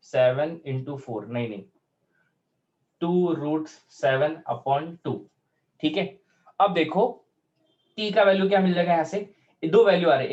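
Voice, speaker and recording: A man teaching a math lesson in Hindi with English terms, working through steps aloud and slowing down to dictate formulas. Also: fairly high pitch, darkish tone, dull audio. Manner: talks through steps aloud, checks in with students often; slows right down to dictate formulas.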